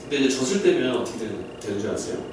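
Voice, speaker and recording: A man's voice: medium pitch, lively intonation, very fast, noisy background. A male pastor preaching a sermon to a mixed-age congregation, explaining things and asking them questions. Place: church sanctuary. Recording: very echoey hall, distant mic.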